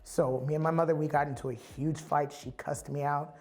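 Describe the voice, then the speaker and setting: A man's voice: a little high, steady tone, a little fast, a little mellow, soft background music. Candid man from the Bay Area. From San Francisco Bay Area. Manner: candid and reflective. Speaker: storyteller. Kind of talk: personal testimony.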